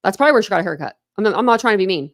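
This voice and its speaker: A woman with a medium-pitched, lively voice races through casual, rambling commentary as she hosts a true crime livestream. She's chatty and keeps interrupting herself with laughs, breaking off and starting over.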